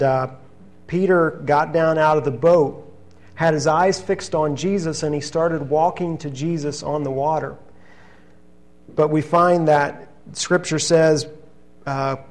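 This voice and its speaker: A man preaching a sermon, reading scripture passages in an earnest, steady teaching manner. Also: a little high.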